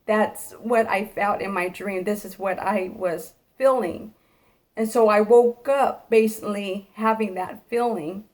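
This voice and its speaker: A woman telling viewers about a dream in an emotional personal testimony. She speaks haltingly, repeats herself and sounds close to tears. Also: mid-range voice, fairly even intonation. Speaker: vlogger sharing a dream.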